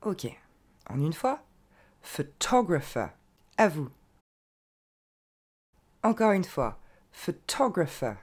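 A woman teaching pronunciation, modelling each English word slowly and clearly and repeating it, with encouraging explanations in between. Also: lowish voice, very animated, darkish tone. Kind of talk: pronunciation lesson.

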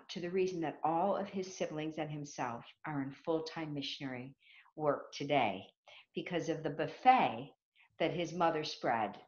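A woman's voice: lowish voice, echoey room, highs cut off. A woman guest telling stories vividly in conversation, acting out the people she quotes. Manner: vivid storyteller who acts out quoted voices. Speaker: guest speaker on children's reading. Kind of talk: animated storytelling in conversation.

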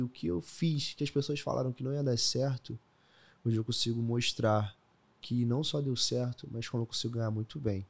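A young man in his twenties with a Brazilian Portuguese accent, a guest telling stories in a casual podcast interview and laughing often. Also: medium pitch. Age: 20s. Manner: storytelling, laughs often, says "velho". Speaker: guest trader.

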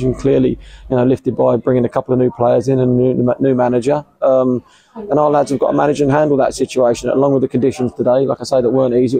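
Middle-aged English football manager, gravelly and mellow, measured post-match answers, recorded outdoors at a ground. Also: male voice, medium pitch, dry recording, low-quality recording. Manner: measured, hesitant, many fillers and repeats. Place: outdoors under a covered stand at a football ground.

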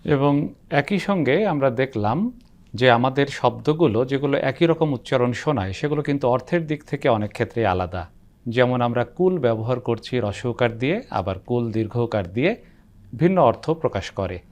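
A middle-aged man hosting a televised language lesson, explaining words in a measured, formal way. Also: mid-range voice, lively intonation, darkish tone. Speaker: host. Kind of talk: scripted educational presenting. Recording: television studio.

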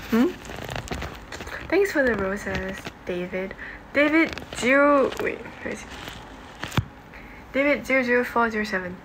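Speaking slowly with long pauses, this young Singaporean livestream host has a fairly high, animated voice. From her bedroom, she casually reads out and responds to comments in an offhand manner, captured by a phone at arm's length in a noisy room.

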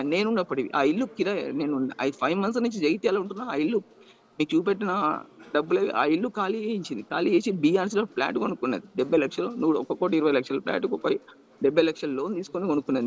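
A man's voice: a little high, highs cut off. A man, pleading emotionally in a news interview and repeatedly appealing to the interviewer. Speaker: interviewee, estranged husband.

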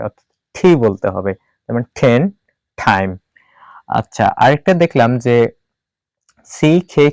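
A man's voice: medium pitch, a little mellow, no room sound, poor audio. A man teaching an English pronunciation lesson, spelling out letters one by one and repeating each rule for emphasis. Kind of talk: classroom-style lesson.

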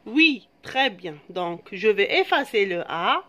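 A woman teacher giving a slow, patient phonics lesson, drawing out each syllable. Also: mid-range voice, big pitch swings, bright, forceful tone.

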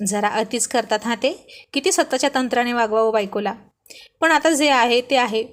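Chatty woman storyteller, slightly high. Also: moderate pace. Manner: chatty, comments to listeners. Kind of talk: serialized romantic story narration.

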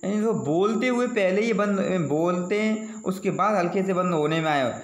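A man's voice: high voice, normal speed. A man teaching exam preparation in a slightly raised voice. He asks his own questions and answers them at once, often addressing his listeners as friends, and drags out sounds to demonstrate them. The recording has a noticeable room echo. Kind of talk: exam prep lesson explaining Hindi vowels.

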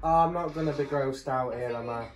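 A woman co-hosting a TV reaction video, chatting casually and yelling at the screen when excited. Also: rumbling low, fairly quick, echoey room, a little hiss or hum.

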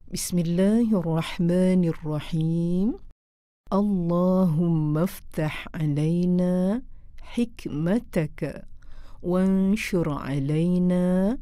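Smooth, dark female prayer recitation. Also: on the low side, no room sound, studio quality. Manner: quick, even recitation.

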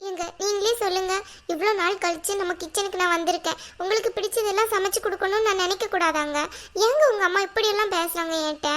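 A woman voicing a hurt young daughter-in-law in an animated cartoon, talking in a pleading, plaintive way. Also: extremely high pitch, fast. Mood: complaining.

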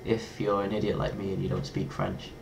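A gravelly, fairly low voice, a little fast, comes from a young Englishman vlogging casually to camera, with background noise. He's on his webcam in a small bedroom, speaking with an English accent, playful and lively as he toys with foreign words.

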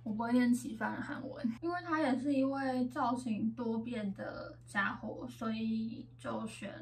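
A woman's voice: a little high, unhurried. A young woman with a Taiwanese Mandarin accent, chatting casually and playfully over a game, with a slight lisp from wearing retainers. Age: young adult. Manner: playful, expressive, self-talking. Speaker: gaming vlogger. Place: indoor room at home. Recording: slightly distant microphone.

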